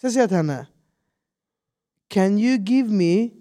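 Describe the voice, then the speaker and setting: Man, animated storyteller, higher voice, mimics others. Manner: animated, acts out quotes in broken English. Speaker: podcast host. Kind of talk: casual storytelling chat.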